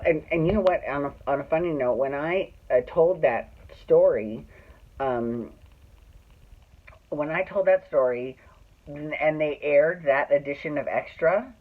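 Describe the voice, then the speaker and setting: Telling personal stories on their own show, a middle-aged host from Glendale, California, speaks to camera in a mid-range voice with a Californian accent, being catty, dramatic and profane while acting out dialogue. The audio is phone-like, muffled and narrow-band.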